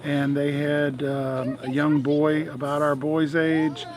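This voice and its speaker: A man's voice: on the high side, level tone, slow, a crowd in the background, rough recording. A man hosting a family travel vlog in a friendly, casual way, a little nervous on camera.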